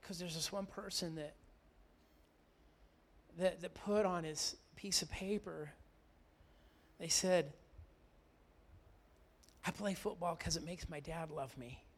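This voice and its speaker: A middle-aged man preaching from the pulpit, his voice sitting a little higher than most men's. He rises to loud, emphatic declarations, then drops low and close to tell a personal story. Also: fairly even intonation, slow pace, long pauses. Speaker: pastor. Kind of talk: sermon.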